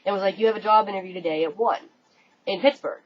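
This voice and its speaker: A young American woman telling a story to her webcam in an animated, casual way, swearing freely. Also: mid-range voice, fast. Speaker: vlogger. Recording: dull lo-fi webcam audio, faint room noise.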